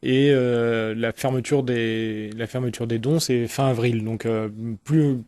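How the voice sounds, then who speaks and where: Un homme, enseignant invité à la radio, qui explique spontanément en hésitant et en répétant des mots. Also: male voice, medium pitch, fairly even intonation, measured pace, mellow, no echo. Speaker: interview guest, teacher. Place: close dry radio microphone.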